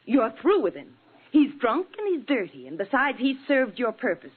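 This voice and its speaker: A woman's voice: fairly high pitch, sing-song, normal speed, breathy edge. An actress playing a spirited, sardonic, outspoken working woman in a 1940s radio drama. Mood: fed up, biting. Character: spirited, wry, plain-spoken newspaper office woman. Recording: tinny, hissy old radio broadcast.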